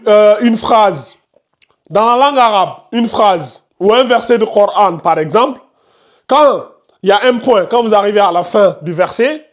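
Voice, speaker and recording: A man with a high-pitched voice leads a tajwid class in a classroom. He explains each rule with patient repetition and quizzes his students as he goes. He firmly tells chatty pupils to be quiet. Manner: firm, scolds chatty students and asks the class questions. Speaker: Quran recitation teacher.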